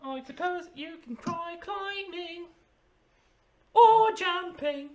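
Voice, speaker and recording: A man's voice: extremely high pitch, animated, slow pace, pitched above the performer's own voice, heavily acted. A man voicing a smug male trickster who mocks the adventurers and cackles. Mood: smug teasing. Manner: mocking, cackling laugh.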